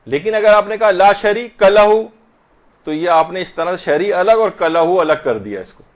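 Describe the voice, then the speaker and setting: A man giving a religious lesson, slowly demonstrating and repeating words of prayer to correct pronunciation. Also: high-pitched, animated. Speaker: religious teacher.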